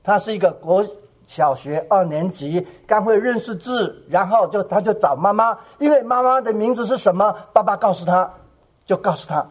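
A man preaching a sermon who keeps asking his listeners questions and acts out quoted voices in a soft, hushed tone. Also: sits high, normal speed, breathy edge. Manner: animated, asks the congregation questions.

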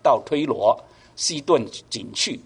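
A man's voice: medium pitch, animated, slow pace, vocal fry, breathy edge. A man preaching a sermon, asking the congregation rhetorical questions and pushing his voice up for emphasis. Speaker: pastor.

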